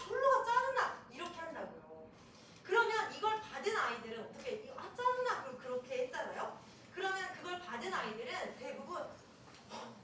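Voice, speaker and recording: A woman's voice: sits high, a bit bright, slight background noise. A woman presenting at an admissions session for parents, talking animatedly and acting out children's and teacher's lines. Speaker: education center presenter. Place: room at an info session. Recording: echoey room, voice from a distance.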